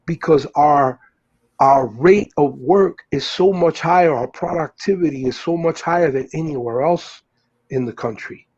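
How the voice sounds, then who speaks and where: A man's voice: fairly high pitch, moderate pace, darkish tone, dull audio. A man from the US Northeast, the host, talking loosely in casual chat, full of fillers and restarts. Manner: rambling, many fillers and restarts.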